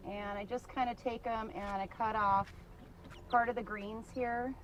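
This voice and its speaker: A woman's voice: a little high, fairly even intonation, unhurried, a little hiss or hum, poor audio. A woman on a casual show-and-tell tour of her vegetable garden, chatty and enthusiastic, often laughing. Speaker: small farmer giving a garden tour.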